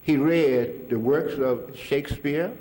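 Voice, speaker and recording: With a mellow voice at medium pitch and a slow pace, an older man shares stories about a mentor with an audience. His delivery is colloquial and punctuated by frequent chuckles.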